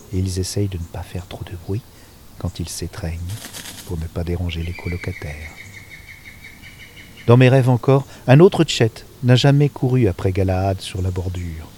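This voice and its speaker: A man calmly reading a novel aloud outdoors, his voice dropping soft and quiet at the ends of phrases. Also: fairly low pitch, a little hiss or hum. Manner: calm, intimate narration with soft, quiet trailing endings. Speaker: reader. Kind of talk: audiobook-style reading of a novel. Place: outdoors in nature.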